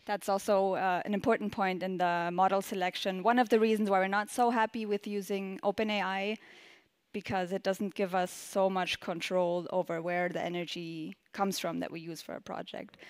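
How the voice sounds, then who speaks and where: A woman on a panel gives a quick, explanatory answer. The recording is dry and close, with very little room sound. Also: medium pitch, dry recording. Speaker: panelist, journalist.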